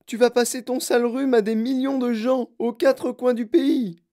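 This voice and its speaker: A narrator voicing a hysterical mother who shrieks in a shrill, loud voice. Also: big pitch swings, takes it slowly, heavily acted. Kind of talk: audiobook character voice.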